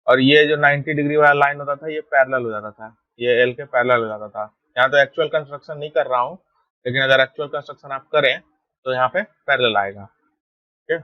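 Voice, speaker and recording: A man's voice: medium pitch, a little fast, no echo, dull audio. A man teaching a math lesson while drawing, steadily explaining and often checking that students follow. He speaks, recorded with a close mic. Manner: steady, repeats "ठीक है" to check understanding.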